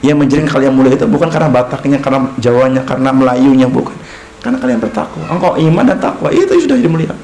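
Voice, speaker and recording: A man's voice: medium pitch, racing, roomy sound, a little hiss or hum, rough recording. A male preacher giving a mosque study lecture, asking questions and answering them himself and acting out short exchanges. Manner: lively, acts out short dialogues, asks and answers himself. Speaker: Islamic preacher teaching creed. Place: mosque hall.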